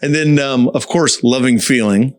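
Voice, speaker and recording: Animated male singer telling stories. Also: mid-range voice, moderate pace. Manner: animated storyteller, laughs often. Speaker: singer and guest. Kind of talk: casual interview storytelling.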